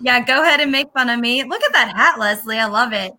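A woman's voice: on the high side, brisk, bright, forceful tone. A woman co-leading an educator group, introducing herself playfully and teasing others over a video call.

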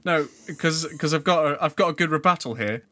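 Bright-voiced teasing British man. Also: on the high side, brisk, dry recording. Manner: playful, teasing banter. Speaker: podcast co-host. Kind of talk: casual chat.

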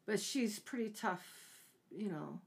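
A woman's voice: medium pitch, animated, slow pace, vocal fry, breathy edge. A woman co-hosting a casual book discussion, talking hesitantly and trailing off with fillers. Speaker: book podcast co-host.

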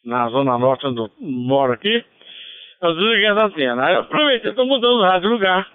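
Man on a two-way radio, high clear voice, relaxed ham radio chatter, tinny and dry. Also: a little fast, no room sound. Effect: transmitted over a two-way radio. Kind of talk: casual radio chat. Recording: narrow tinny radio transmission.

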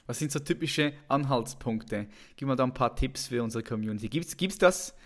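A man's voice: medium pitch, normal speed. A man hosting a video call interview, talking casually and often repeating his words. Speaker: interview host.

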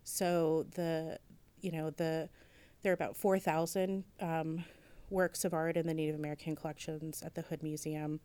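A woman's voice: low-pitched, level tone, moderate pace, mellow, clear, resonant tone. A woman museum curator answering interview questions, thoughtful and hesitant, with many fillers and restarts. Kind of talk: interview conversation.

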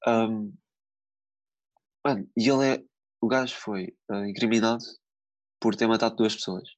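A man's voice: fairly low pitch, fairly even intonation, fairly quick, no echo, highs cut off. A young man with a European Portuguese accent chatting casually in slang, with frequent swearing. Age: young adult. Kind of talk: casual chat.

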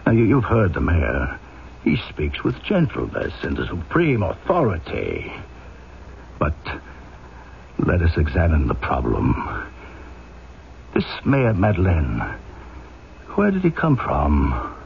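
An actor playing a brooding, obsessive police inspector, grave and emphatic, in old-time radio drama style. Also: male voice, sits low, huge pitch swings, takes it slowly, gravelly, pauses often, exaggerated voice. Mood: insistent suspicion. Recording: tinny, hissy old radio recording.

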